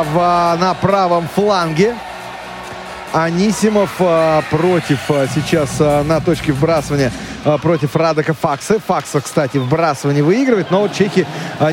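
A middle-aged man giving live, descriptive hockey play-by-play in a halting way, with drawn-out hesitations. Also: high-pitched, background noise. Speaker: hockey commentator. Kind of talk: live audio-described match commentary.

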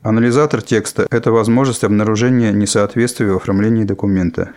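A man reading scripted instructional narration as an instructor, in a measured, formal manner. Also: on the low side, steady tone, a little mellow. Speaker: instructor narrating a software lesson.

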